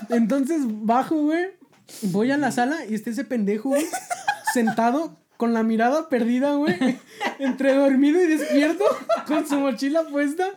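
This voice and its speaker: A woman's voice: a little high, noisy background. A young woman with a Mexican accent, telling a funny story in slangy casual chat on a podcast and laughing often. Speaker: podcast host.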